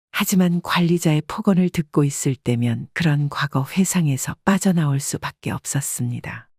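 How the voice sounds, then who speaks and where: A storyteller giving a measured, scripted audiobook narration in an even delivery. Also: medium pitch, slightly rough, no room sound, studio quality.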